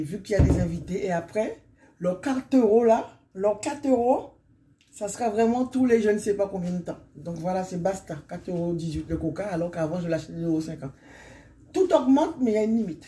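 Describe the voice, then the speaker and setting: A hoarse, middle-aged woman from Guadeloupe chatting casually in a vlog, rambling and often wrapping up her points. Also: medium pitch, dark tone. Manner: chatty and rambling, often sums up with "donc voilà". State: hoarse from illness. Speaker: vlogger.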